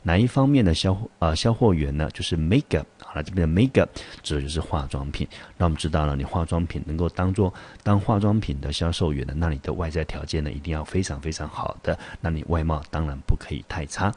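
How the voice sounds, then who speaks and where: A man with a very low, deep voice teaches English vocabulary. He goes through each word slowly and patiently, stopping often on fillers and saying phrases again. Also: darkish tone, breathy edge. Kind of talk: vocabulary lesson.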